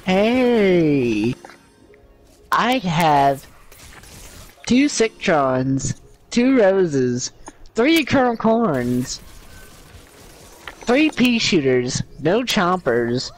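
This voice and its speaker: Slow-talking giggly guy gaming. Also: high-pitched, sing-song, faint music behind. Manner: giggly, rambling with many fillers. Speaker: co-player. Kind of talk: casual game chat on a call.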